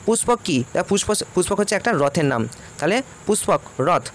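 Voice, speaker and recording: A man talks fast and high as he works through exam questions. He reads each question, then states and repeats the answer for students. Faint traffic noise runs behind him. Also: animated. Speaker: teacher.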